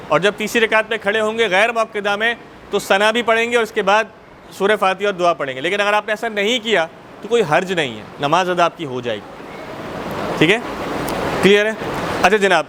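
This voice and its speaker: A man's voice: sits high, pushed and bright, slight background noise. A Pakistani man teaching a class on Islamic law in a mosque, repeating points and checking that students understand, in Pakistani Urdu. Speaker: religious teacher.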